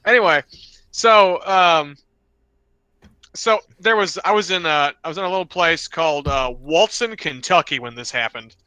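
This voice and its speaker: Guy on a podcast rambling thru a story, really bright tone, dry close mic. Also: on the high side, moderate pace, clear, resonant tone, dry recording. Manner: rambling, restarts often, acts out quotes. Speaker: podcast co-host. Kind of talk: casual storytelling chat.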